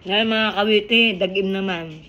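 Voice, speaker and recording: Bright-voiced Filipino woman chewing while talking. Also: mid-range voice, fairly even intonation, moderate pace. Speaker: vlogger hosting a mukbang. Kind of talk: casual mealtime vlog chat. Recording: clear background noise.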